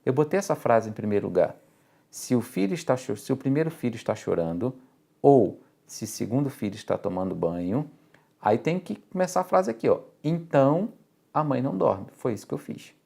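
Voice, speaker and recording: Dark-voiced Brazilian logic teacher. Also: male voice, medium pitch, expressive, fairly quick, gravelly. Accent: Brazilian Portuguese. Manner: explains step by step, often checks in with "ok?" and "tá?". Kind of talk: exam-prep lecture.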